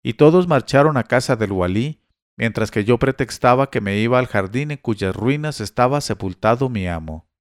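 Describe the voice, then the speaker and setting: A man reading a classic tale as a storybook narrator, steady and measured. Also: mid-range voice, no room sound, clean studio sound.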